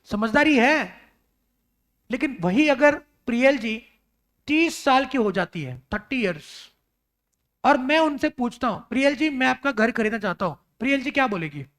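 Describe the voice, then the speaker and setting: A man's voice: very high-pitched, lively intonation, moderate pace, fairly bright tone. A man teaching a law lecture in a classroom, acting out little scenes and talking with students, mixing in English terms.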